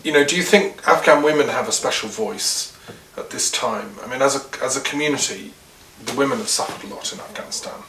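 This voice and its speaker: A host conducts an interview, guiding the guest along with brief questions and frequent acknowledgements. The voice sits at a moderate pitch and is recorded from a distance in a large, reverberant room. Faint background noise stays underneath. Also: a little fast, few pauses, fairly bright tone. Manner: friendly, prompting with short questions and murmured acknowledgements. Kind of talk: casual interview chat.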